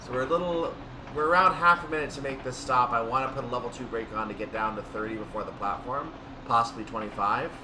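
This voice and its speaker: Live train-sim commentary comes from a gaming video host who talks fast in a mid-range voice, calling out each step methodically but casually. The mic is distant, and a loud, steady background noise runs throughout.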